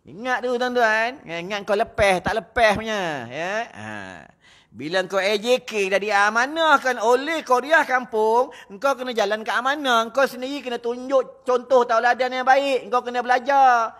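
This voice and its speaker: Blunt high-pitched Malaysian Malay preacher. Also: male voice, moderate pace, fairly bright tone. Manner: blunt, teasing, scolding the audience, frequent "ya? ha.". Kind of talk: mosque lecture sermon. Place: mosque prayer hall.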